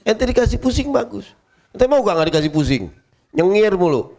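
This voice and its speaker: A man's voice: high voice, moderate pace, gravelly. A middle-aged man, preaching casually and acting out the people in his stories. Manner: lively storytelling, acting out quoted parents and kids. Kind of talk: casual sermon.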